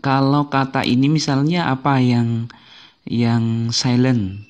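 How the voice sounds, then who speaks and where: Male teacher, unhurried video lesson, patient and repetitive, mid-pitched voice. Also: level tone, darkish tone. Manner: patient, repeats each word slowly for learners. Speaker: English teacher. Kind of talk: slow explanatory video lesson.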